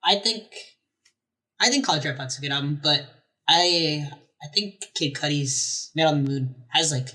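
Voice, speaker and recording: Young guy guest on a podcast, thinks out loud, lots of um and like. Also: a little high, normal speed. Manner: thoughtful, hedging with um and like. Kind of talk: casual chat.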